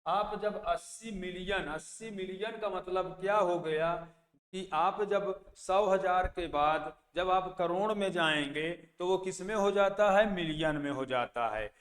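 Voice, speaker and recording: A man's voice: high-pitched, unhurried, fairly bright tone. A male math teacher, teaching an exam-prep lesson and repeating place values as he asks and answers his own questions. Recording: echoey room with long reverb, faint background noise.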